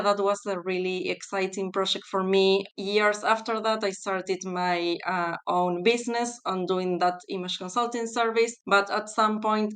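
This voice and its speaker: Woman, smooth clear voice, calm and thoughtful answers. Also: medium pitch. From Argentina. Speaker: guest. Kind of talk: conversational interview.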